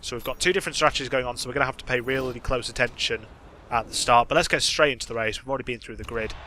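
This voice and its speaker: A man's voice: medium pitch, steady tone, racing, bright, forceful tone, a little hiss or hum. A young man casually commenting on a racing management game, chatty and thinking aloud with plenty of fillers. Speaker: gaming channel host.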